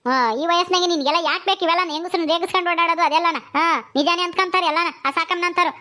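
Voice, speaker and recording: A woman's voice: very high-pitched, fairly even intonation, very fast, bright, forceful tone. A woman voicing a scolding old village grandmother. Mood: lecturing. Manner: scolding, nagging, rustic village speech.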